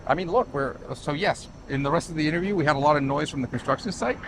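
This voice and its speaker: Speaking fast in a slightly high voice, this Chilean man shows off his own development in a relaxed but forceful walk-through pitch, frequently starting over and repeating himself. Traffic and street noise surround him as he moves from the city sidewalk to the construction site.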